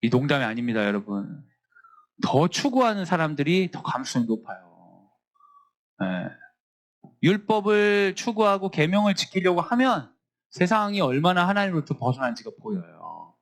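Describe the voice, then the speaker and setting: A man chaplain teaches a Bible lesson to students in a lively, animated way. His voice sits slightly high for a man and swings widely in pitch. He slips into quick acted-out voices of teachers and students.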